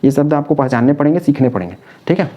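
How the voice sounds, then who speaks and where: Man, chemistry teacher, rapid classroom lecture, repeats key terms, slightly dull sound. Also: fairly high pitch, lively intonation. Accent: Hindi-speaking North Indian. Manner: explains step by step, repeats key terms, asks and answers own questions.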